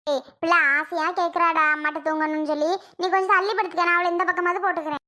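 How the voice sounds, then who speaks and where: A woman voicing a soft-hearted village mother and aunt who coaxes the children, in a cartoon. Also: very high voice, little pitch movement, fast talker. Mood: coaxing. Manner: coaxing, soothing. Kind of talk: cartoon voice acting.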